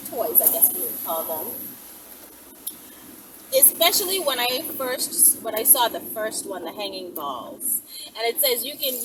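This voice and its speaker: Against a noisy background, a woman with a Bahamian accent and a mid-range voice hosts her own channel. She gives her viewers casual, candid advice in blunt, informal language, peppered with swearing.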